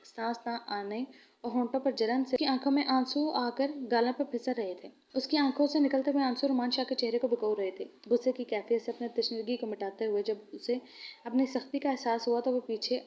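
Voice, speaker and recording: A woman narrating a romance novel aloud in steady storytelling, in a muffled lo-fi recording. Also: fairly high pitch, a little fast.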